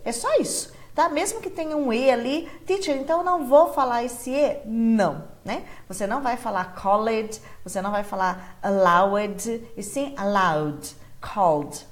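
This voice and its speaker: A woman from Brazil teaching a live online English pronunciation lesson, animated and constantly checking in with her viewers, slowing down to say English words carefully. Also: high-pitched.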